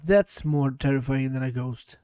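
A man's voice: medium pitch, moderate pace, darkish tone, clear, resonant tone. A man streaming from a small room at home into a studio mic, tossing short joking comments into a clip compilation. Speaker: reaction streamer. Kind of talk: casual reaction commentary. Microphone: studio mic with headset.

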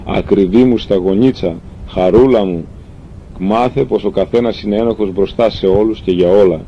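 A gentle, humble young man near death speaks with soft tenderness, as a low-voiced storyteller reads his lines. The sound is dull and lo-fi with a faint rumble. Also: lightly acted. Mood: tender.

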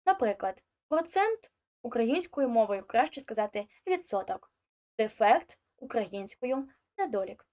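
A woman's voice: a little high, very animated. A woman teaching an online language lesson, reading scripted explanations and listing examples one by one. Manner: clear, deliberate listing of examples. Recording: dull lo-fi audio.

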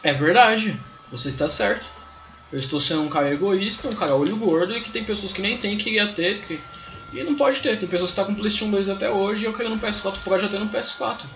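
A young Brazilian man, a gaming live streamer, rambles through slangy live commentary and swears freely. His voice sits high and a bit bright, and he talks quickly. The home stream sounds roomy, with faint game music behind him.

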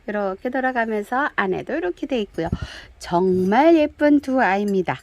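A woman with a slightly high voice gushes over handmade flowerpots one by one. She chats along as she reads out sizes and prices, sounding thrilled with each pot. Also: lively intonation, moderate pace, darkish tone. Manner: gushing, chatty, calls pots "kids". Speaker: pottery shop seller. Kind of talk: product showcase video. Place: indoors, dim room with lights off.

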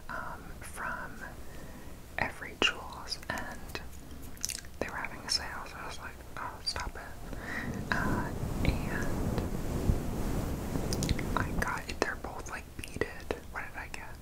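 An intimate, unvoiced whisper from a young man, very close to the microphone. He rambles in a casual, halting way, like an ASMR creator chatting to viewers. The delivery stays hushed throughout. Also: low-quality recording. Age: 20s. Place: small dim indoor room. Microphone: close condenser mic with fluffy cover. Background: mic scratching.

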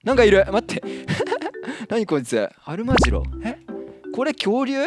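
Excitable man doing Minecraft commentary. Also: extremely high pitch, a little slow, over loud music. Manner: excitable, yelps and laughs when startled. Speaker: Minecraft let's-play host. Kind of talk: casual gameplay commentary.

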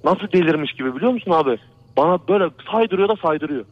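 A man on a call-in radio show rattles through a personal scare story at a quick clip, his voice sitting a touch high for a man. He rambles and repeats himself, looping back to the same phrases again and again. The sound is dull and lo-fi, like an old radio broadcast. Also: lively intonation. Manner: rambling, repetitive, keeps saying "brother" and "he said". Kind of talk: telling a true horror story on a call-in show.

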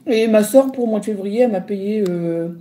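Speaking a little fast in a mellow, mid-range voice, a middle-aged woman hosts a casual phone livestream. She responds to viewer comments, often hesitating with fillers as she goes.

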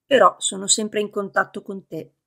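A woman's voice: mid-range voice, flat delivery, moderate pace, vocal fry, fairly bright tone, husky. A woman voicing a male oversoul spirit who has taken the form of a wise old man, speaking in an earnest, reassuring way in an audiobook. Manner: earnest, slightly hurt, reassuring.

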